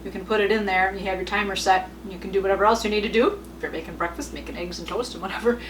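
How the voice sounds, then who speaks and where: A woman's voice: medium pitch, fairly even intonation, very fast, a little hiss or hum. A middle-aged woman walks through a home cooking demonstration in a chatty, rambling way, with fillers and small laughs. She is recorded by a camera mic set some distance off. Her kitchen sounds roomy and echoey. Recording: roomy kitchen, voice a bit far off.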